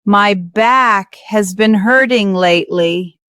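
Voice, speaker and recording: Very slow woman reading example sentences. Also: medium pitch, a bit bright, dry recording, clean studio sound.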